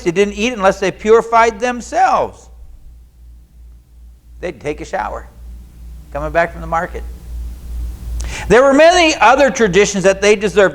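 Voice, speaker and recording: A male pastor preaching a sermon in a church, animated and acting out the voices he quotes. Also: sits high. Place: church sanctuary.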